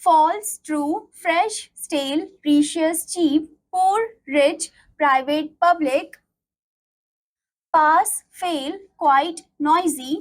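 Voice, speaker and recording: Slow, high-voiced teacher. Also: female voice, poor audio. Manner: slow deliberate English, quick Hindi explanations. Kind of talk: classroom lesson reading word lists.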